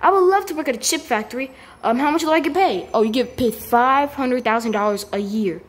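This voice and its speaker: A woman's voice: high voice, husky. A woman voicing a bratty young male koopa prince who whines and sighs, filmed on a handheld phone at home. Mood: eager. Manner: whiny, grumbling, drawn-out sighs. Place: home kitchen. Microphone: handheld phone camera.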